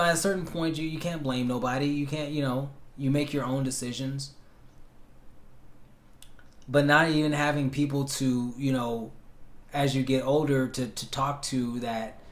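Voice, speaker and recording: A man in his late thirties, talking in a rambling, reflective way with many fillers and restarts, as host answering questions about his life. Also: medium pitch. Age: 30s. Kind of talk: casual self-interview. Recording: roomy echo.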